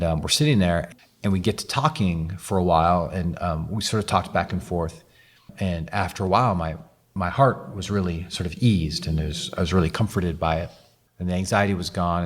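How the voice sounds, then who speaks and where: A man, a guest author, telling a story on a live podcast and acting out the quoted dialogue with animation. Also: low-pitched.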